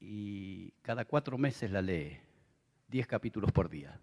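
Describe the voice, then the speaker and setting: Argentine pastor preaching in a hall. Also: male voice, fairly low pitch, a little slow. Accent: Argentine Spanish. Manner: conversational preaching, animated with asides to the audience. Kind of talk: sermon. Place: large convention hall. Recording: long reverb of a big hall.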